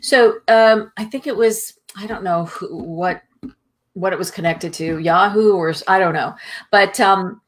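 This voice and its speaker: A woman co-hosting a live health show from home, speaking at an ordinary middle pitch. She rambles through her points with many ums and restarts. Her tone stays casual and conversational. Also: a little slow. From Southern California. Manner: rambling, warm filler-heavy talk with many ums. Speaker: co-host, nutritionist. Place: home, remote video call.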